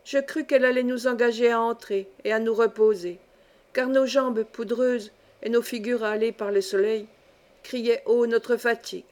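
A woman narrating a classic novel as an audiobook in a measured, steady storytelling voice. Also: fairly high pitch. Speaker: audiobook reader. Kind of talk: scripted narration.

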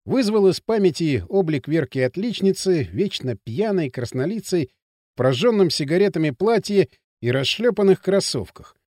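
Male audiobook narrator, measured delivery, higher lively voice, dry close recording. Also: dry recording. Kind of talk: scripted narration.

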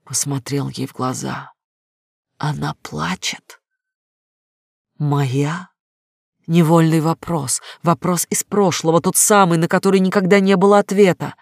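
Man, audiobook narrator, intense emotional first-person reading, fairly high voice, dry close recording. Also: fairly even intonation, moderate pace, creaky, hardly any pauses, no echo.

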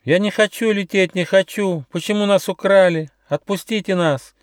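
A man voicing a little male hedgehog child who wails and pleads in a shrill, strained voice. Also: normal speed, smooth, no echo, studio quality, natural voice. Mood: frightened, whining. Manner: wailing, pleading.

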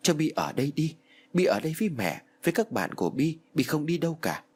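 Guy putting on a husky little ghost girl voice, higher, whiny and stubborn, ghost story. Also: very animated, fast talker, darkish tone, exaggerated voice. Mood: defiant. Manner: childish, pleading and stubborn. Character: ghost of a small girl, clingy, sulky, tearful.

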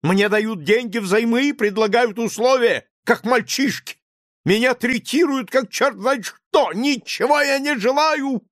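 A man voicing an indignant, hysterical young nobleman who shouts in high-pitched outbursts, in an audiobook reading. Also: measured pace, no room sound, studio quality. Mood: shouting.

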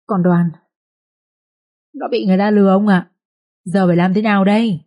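A woman voicing a frightened, fretful middle-aged village mother who wails and frets, in a husky voice. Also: medium pitch, fairly even intonation, moderate pace, dark tone, lightly acted. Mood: fearful. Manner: wailing, fretful.

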